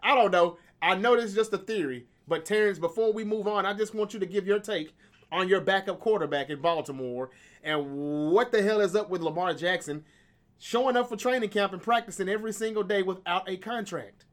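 A man hosting a casual sports debate podcast, animated and making bold predictions. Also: high-pitched, fairly quick. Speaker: podcast host.

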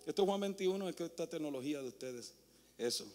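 A male pastor preaching a sermon, swinging from hushed near-whispers to loud, impassioned calls. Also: fairly high pitch, lively intonation, fast, big-room sound, soft background music.

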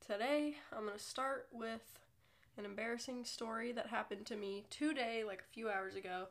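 Stuffed up from a cold, this young podcast host speaks at a moderate pace in a voice on the high side. Her solo show is a casual chat, rambling and full of self-deprecating asides.

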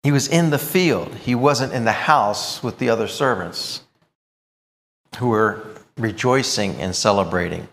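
A man preaching a sermon, emphatic and expressive, explaining scripture with thoughtful asides. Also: lowish voice, measured pace, big-room sound.

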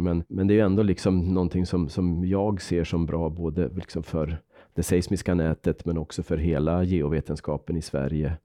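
A man with a very low, notably dark and mellow voice explains things steadily on a podcast, often restarting his sentences. The sound is dry and close. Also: dry recording. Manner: measured, explanatory, with frequent restarts. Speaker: seismologist guest.

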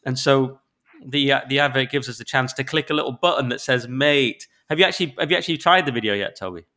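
Guy ranting sarcastically on a podcast, bright crisp voice. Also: mid-range voice. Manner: sarcastic, quick and mocking. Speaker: podcast co-host. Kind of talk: casual political chat.

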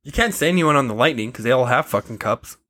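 A man's voice: mid-range voice, expressive, quick pace, bright, forceful tone. A young man co-hosting a casual sports podcast, blunt and profane with a joking edge. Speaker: podcast co-host.

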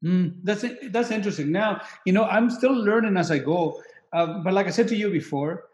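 A man's voice: high voice, a little fast. Chatty man in his late forties, roomy sound. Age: 40s. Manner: relaxed, chatty, says "man" a lot. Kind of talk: casual podcast chat.

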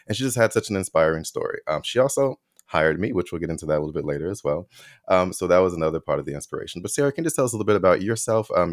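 A man's voice: deep voice, dry recording, clean studio sound. A man hosting a podcast interview, chatting enthusiastically with many fillers. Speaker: podcast host. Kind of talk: casual interview chat.

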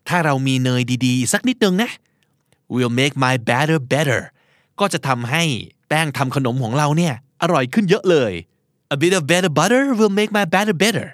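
A man hosting a podcast pronunciation lesson, repeating English phrases slowly and carefully, then explaining briskly in Thai. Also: mid-range voice, expressive, dry recording, studio quality. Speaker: podcast host and English tutor.

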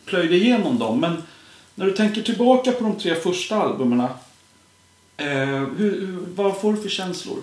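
High-voiced interviewer man, roomy sound. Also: very animated. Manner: friendly, affirming with short acknowledgements. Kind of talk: casual interview. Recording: roomy echo.

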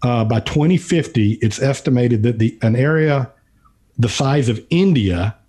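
Male podcast commentator, relaxed dark tone, mid pitch, halting conversational delivery. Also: breathy edge. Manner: halting, repeating words as he thinks aloud. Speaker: podcast's featured financial commentator.

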